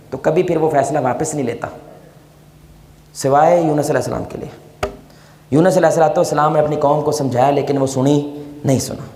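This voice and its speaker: Impassioned preacher in echoey hall. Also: male voice. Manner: impassioned, swings from loud and high to low and hushed; addresses listeners as "my brother". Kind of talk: sermon. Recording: echoey hall with long reverb.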